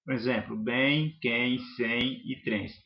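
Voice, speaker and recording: A man's voice: mid-range voice, fairly even intonation, slow pace, vocal fry, pushed and bright. A man teaching a grammar lesson, listing examples one by one in a methodical way with some hesitations.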